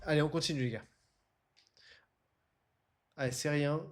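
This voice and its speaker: Man, streamer, casual match host and commentator, higher-than-average voice. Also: steady tone, a little slow, faint music behind. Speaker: streamer and host of online football tournament.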